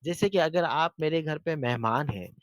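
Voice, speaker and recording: A man teaching a beginner Arabic class over a video call, patiently repeating words slowly for his students. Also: on the high side, dry recording. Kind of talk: online beginner language lesson.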